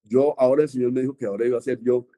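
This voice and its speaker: A man's voice: mid-range voice, steady tone, very fast, warm tone. A man preaching a sermon as a pastor, emphatic and repetitive, with a Colombian Spanish accent and many restarts.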